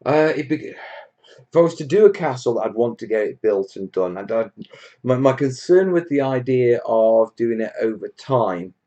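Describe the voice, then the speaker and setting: A Welsh man hosts a casual live Q&A stream for a hobby, chatting with viewers in a blunt, jokey, matey manner. His medium-pitched voice is expressive and mellow, at normal speed. The sound is lo-fi.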